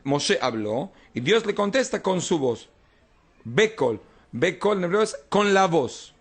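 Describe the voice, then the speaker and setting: A man's voice: high voice, big pitch swings, unhurried. A man, a rabbi, teaching an informal Talmud class, explaining texts and often checking that his students follow.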